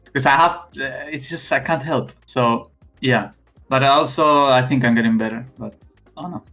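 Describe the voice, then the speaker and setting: Guesting in a casual interview, this young esports player from Spain talks in heavily accented English at a normal mid-range pitch. He breaks off and restarts sentences often, with lots of fillers, while soft music plays faintly underneath.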